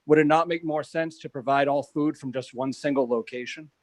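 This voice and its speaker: A man's voice: fairly high pitch, steady tone, a little fast, no echo. A man on a video call asking direct, probing questions at a public meeting.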